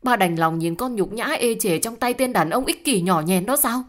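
A woman's voice: mid-range voice, expressive, moderate pace, pitched above the performer's own voice, close to an everyday voice. Desperate young wife pleading, read by a woman. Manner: pleading, indignant.

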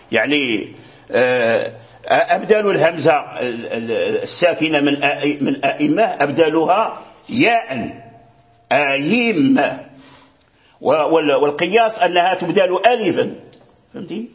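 Man teaching, dull lo-fi recording. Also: fairly high pitch. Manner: repeats words, frequent restarts and checks for understanding. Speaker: Quran recitation teacher. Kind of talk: explaining a lesson to a student.

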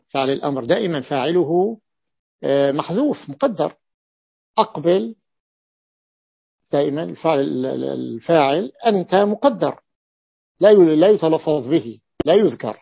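A sheikh teaching a grammar class, his voice a little high and full of gravel. He explains patiently and says key phrases twice. The recording is dry and lo-fi, with no room sound. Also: no echo.

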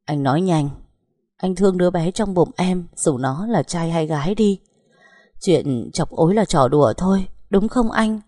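A woman's voice: animated, moderate pace, mellow, no echo, clean studio sound. A woman voicing a distraught young pregnant woman who pleads and sobs in a raised, strained voice. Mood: begging. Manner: sobbing, pleading, pitched up.

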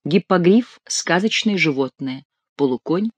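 A man narrating a literary audiobook with an expressive storytelling reading on a close mic. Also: fairly high pitch, unhurried, slightly rough, no room sound.

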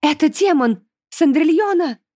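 A woman's voice: sits high, expressive, unhurried, warm tone, no echo, studio quality, voice pushed up. A woman reading an audiobook, voicing an older grandmother who speaks earnestly and pleadingly to her family. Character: older grandmother, gentle but firm.

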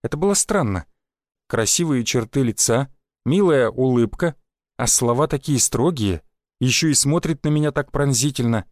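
A man narrating a first-person audiobook in a lively, expressive reading. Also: medium pitch, moderate pace, dry recording, studio quality.

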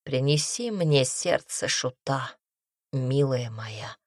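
A woman voicing a smug, seductive male king who speaks in a slow, low, purring way. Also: dry recording, clean studio sound. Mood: murmuring.

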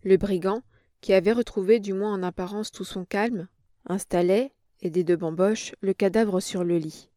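A woman reading a novel aloud in a measured, dramatic narrating manner. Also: medium pitch, fairly even intonation, warm tone, no echo, studio quality. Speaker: audiobook reader.

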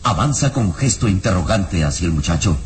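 A man narrating an old-time radio drama in a measured, even storytelling voice. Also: low-pitched. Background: dramatic background music.

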